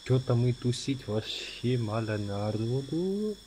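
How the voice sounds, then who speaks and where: A man chatting casually in a game role-play, rough and slangy, with swearing. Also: mid-range voice, animated, slow. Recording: clear background noise.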